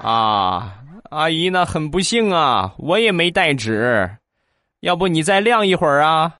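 A man telling short comic anecdotes in a lively storytelling manner, slipping into acted voices. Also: fairly high pitch, a little slow, no room sound, soft background music. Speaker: comic joke teller.

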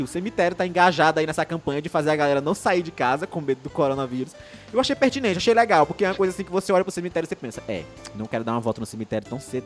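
Speaking Brazilian Portuguese with a Maranhão accent, a young man from that state hosts a live online show in a voice on the high side. He reads viewer comments in a rambling, chatty, upbeat way, frequently starting his sentences over.

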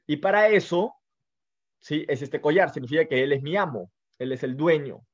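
A man's voice: a little high, normal speed, natural voice. Man doing a timid, cozy house dog. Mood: easygoing. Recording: muffled lo-fi sound.

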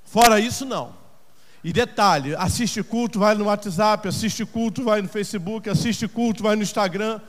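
A man preaching a sermon as pastor in a church, swinging between shouted peaks and hushed passages. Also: sits high, normal speed. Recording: long church reverb, faint noise.

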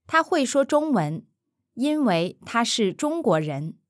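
Woman, lively pitch, very slow deliberate delivery, dry close studio sound; model speaker for a language course. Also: no room sound. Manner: slow, careful pronunciation, says each phrase twice. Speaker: Mandarin speaker modeling answers. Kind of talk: slow repeated model answers.

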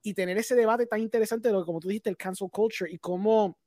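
Fast-talking man speaking Spanglish. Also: sits high, fairly even intonation, a little mellow, dry recording, clean studio sound. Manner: Spanglish, mixing English words into Spanish. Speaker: host of a film discussion. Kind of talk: casual chat, film commentary.

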